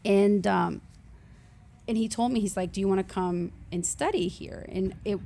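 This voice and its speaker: A woman in her forties from Honduras, a native Spanish speaker, chatting warmly as a guest and often laughing as she shares her testimony. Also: medium pitch, moderate pace, vocal fry, a little hiss or hum. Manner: warm, chatty, laughs often between sentences. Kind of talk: casual faith testimony.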